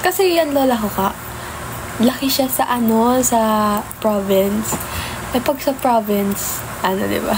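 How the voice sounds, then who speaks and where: A woman's voice: on the high side, unhurried, background noise. A young woman chatting casually on a phone livestream, greeting viewers by name and mixing in English. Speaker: idol livestreamer. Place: home, early morning.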